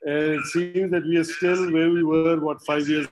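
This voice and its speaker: A man's voice: on the high side, little pitch movement, moderate pace, soft background music. A man giving conversational remarks as a panelist on a remote call. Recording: noisy remote call connection.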